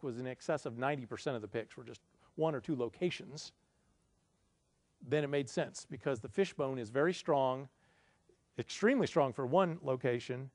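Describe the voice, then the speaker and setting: A man's voice: fairly high pitch, a little mellow, no echo. A middle-aged man giving a conference presentation, explaining a slide in a conversational, self-deprecating way. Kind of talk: lecture with audience Q&A. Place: indoor conference room, presenting at a projector screen.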